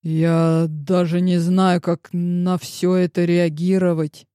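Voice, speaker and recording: Gruff curt middle-aged boss man, woman narrator doing him, lowish mellow voice. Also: little pitch movement, slow, no room sound, studio quality.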